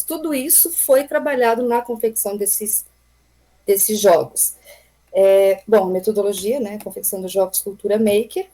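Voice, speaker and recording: Mellow-voiced teacher explaining calmly. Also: female voice, medium pitch, low-quality recording. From Brazil. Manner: unhurried, explanatory, with light laughs. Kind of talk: presenting a class project online. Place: home. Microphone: computer microphone on a video call.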